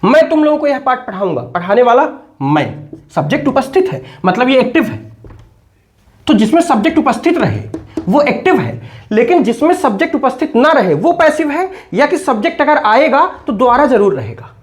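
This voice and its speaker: A man's voice: very high-pitched, very animated, fairly quick. A male teacher giving a classroom-style grammar lesson, explaining step by step and often asking questions to check understanding. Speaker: English teacher.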